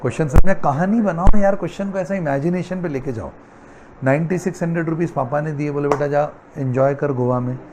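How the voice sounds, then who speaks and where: A man's voice: a little high, a little fast, background noise. Playful man teaching a class. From India. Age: middle-aged. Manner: playful storytelling, acts out quoted characters. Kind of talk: classroom lecture.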